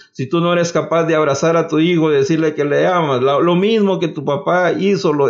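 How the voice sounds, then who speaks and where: A man's voice: on the high side, highs cut off. Fervent male preacher exhorting his listeners.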